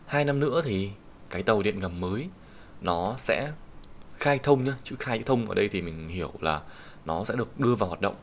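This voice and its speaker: A man with a low voice and a Vietnamese accent gives an online kanji lesson. He patiently walks through each reading and slows right down to read the Japanese example sentences. A faint hiss and some keyboard typing sit behind him. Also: animated. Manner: patient, explanatory, reads Japanese sentences slowly.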